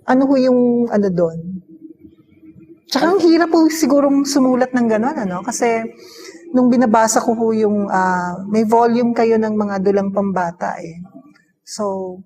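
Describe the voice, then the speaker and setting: A woman's voice: on the high side, a little slow, pauses often, warm tone. A woman interviewer asking long, respectful questions and searching for the right words as she goes.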